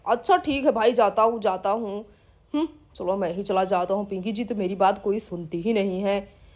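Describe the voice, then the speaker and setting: A woman's voice: medium pitch, moderate pace, darkish tone, pitched below the performer's own voice, close to an everyday voice. A woman voicing a grumpy, bossy village uncle in a doll story, grumbling and scolding. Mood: annoyed. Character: gruff grumpy middle-aged village uncle.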